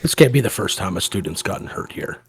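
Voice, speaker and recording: A man's voice: low-pitched, expressive, quick pace, a little hiss or hum. A man playing in a tabletop game, talking in a matter-of-fact way. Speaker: player. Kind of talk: casual tabletop role-play.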